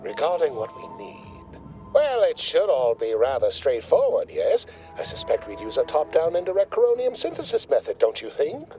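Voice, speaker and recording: A man's voice: fairly high pitch, wildly swooping pitch, normal speed, mellow, soft background music, rough recording. An actor playing a pompous male corporate scientist in a video game, speaking in verbose, condescending corporate jargon. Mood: smug.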